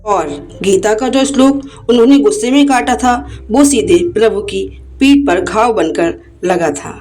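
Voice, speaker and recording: Female narrator, emotive devotional storytelling, middle pitch, soft music underneath. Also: animated, measured pace.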